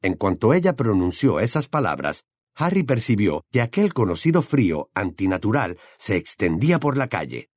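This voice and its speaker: Male audiobook narrator, dramatic reading, lively intonation, dry close sound. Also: fairly low pitch, normal speed, no echo.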